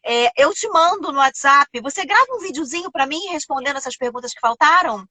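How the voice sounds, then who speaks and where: A woman's voice: high voice, lively intonation, fairly quick, sharp tone, dry recording. A Brazilian woman hosting a live video chat, talking enthusiastically and affirming her guest. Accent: Brazilian Portuguese. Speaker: live stream host. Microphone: video call.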